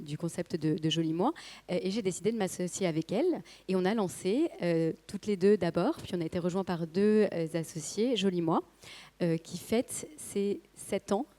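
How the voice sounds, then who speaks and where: A woman with a hoarse voice that is giving out, speaking hesitantly as a guest telling a company story at a conference. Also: on the low side, warm tone. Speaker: company co-founder and marketing director, guest speaker.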